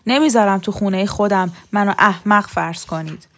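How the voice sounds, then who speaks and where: A woman storyteller voicing an angry, threatening husband who shouts his accusations in a raised voice. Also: mid-range voice, lightly acted.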